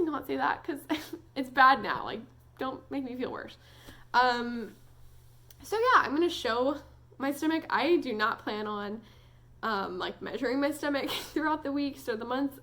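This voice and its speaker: A woman's voice: on the high side, a bit bright. A young woman vlogging casually to camera at home, chatty and giggly, full of "like" and "um".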